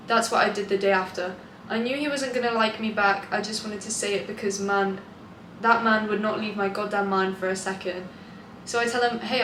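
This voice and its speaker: A woman's voice: mid-range voice, fairly bright tone. A young British woman reading out confessions and reacting in a chatty, candid way, gleeful and amused at the gossip. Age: young adult. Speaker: online video host. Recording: echoey room, clear background noise.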